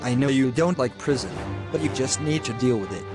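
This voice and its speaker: A man's voice: mid-range voice, a little fast, music in the background. A man voicing a stern middle-aged judge in a homemade animation, lecturing at length and sounding exasperated. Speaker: narrator and voice actor of an animation.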